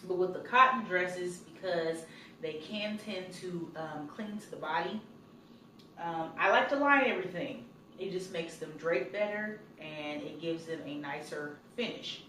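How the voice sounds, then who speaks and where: A woman with a somewhat low voice chats through a home sewing vlog, excitable and rambling from one thing to the next. The room around her is roomy and echoey, with a faint hum of background noise. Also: a little slow. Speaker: sewing vlogger. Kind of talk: casual vlog chat.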